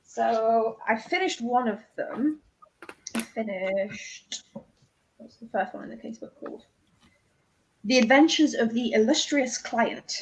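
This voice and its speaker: A woman joins a casual livestream chat about reading. Her voice sits fairly high, and she talks in an animated, teasing way. She laughs often between thoughts. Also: a little slow, pauses often, slight background noise, low-quality recording. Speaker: guest on a reading stream.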